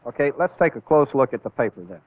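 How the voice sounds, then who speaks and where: On an old film soundtrack, a training-film instructor walks through a demonstration step by step, deliberately stressing key words. His medium-pitched voice is animated. The sound is phone-quality, with no room sound.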